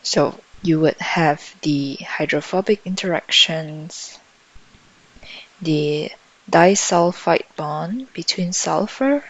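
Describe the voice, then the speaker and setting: A woman tutor thinking out loud as she works through exam questions in a lesson, on a dull lo-fi microphone. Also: low voice. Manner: thinking out loud while solving. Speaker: biology tutor.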